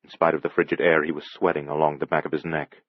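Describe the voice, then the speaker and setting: Deep-voiced man narrating a thriller. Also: little pitch movement, quick pace, no room sound, lo-fi sound. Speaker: audiobook narrator. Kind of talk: scripted narration.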